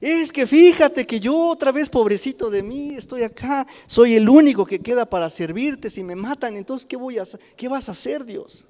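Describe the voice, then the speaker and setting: A man's voice: extremely high pitch, expressive, normal speed, few pauses, a little mellow, voice pushed up. A man voicing a whiny, self-pitying male prophet who pleads from his hiding place. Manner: pleading, sorry for himself. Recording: long church hall reverb.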